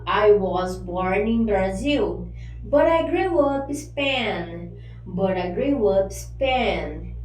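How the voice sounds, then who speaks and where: A woman teaching an online English lesson, chatting casually and drilling phrases slowly for students to repeat. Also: mid-range voice, a little mellow, distant mic. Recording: echoey room, voice from off-mic, faint hum.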